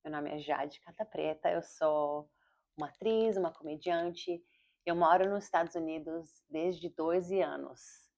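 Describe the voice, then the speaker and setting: Fast-talking semi-gringa woman. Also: sits low, gravelly, darkish tone. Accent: Portuguese with an American English accent. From Brazil. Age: 40s. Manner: fast, rambling, with self-corrections. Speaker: vlogger and comedian. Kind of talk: casual video diary. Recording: slightly dull lo-fi audio.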